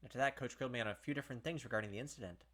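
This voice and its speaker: Rapid-fire and fairly bright at a medium pitch, a man runs a let's play, mixing read-aloud story passages with casual game commentary. His chatty talk is heavy on filler words, with "like" coming up a lot.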